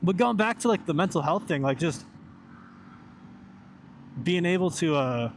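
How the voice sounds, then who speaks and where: Young guy motovlogging from inside his helmet, kinda higher voice, loose rambly chat, engine and road noise behind. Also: expressive, a little slow. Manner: talking inside a motorcycle helmet while riding; informal, meandering, mildly sweary. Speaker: motorcycle vlogger. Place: inside a helmet on a moving motorcycle outdoors.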